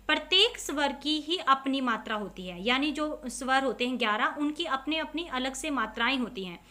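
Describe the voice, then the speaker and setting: High bright-voiced woman teaching a class. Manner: explains step by step, asks questions and answers them herself; says example words slowly and clearly. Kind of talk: online class lesson for children.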